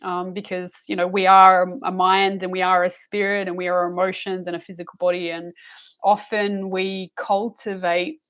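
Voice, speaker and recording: A woman's voice: lowish voice, little pitch movement, normal speed, a bit bright, smooth. A woman giving a live psychic reading, soothing and rambling, calling the listener love and honey. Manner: rambling with frequent restarts and fillers. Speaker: psychic reader.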